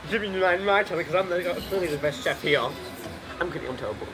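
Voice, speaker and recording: Against a noisy background and game music, a young man with a high-pitched voice comments casually and quickly on the game he's playing. The streamer rambles, swears and repeats himself.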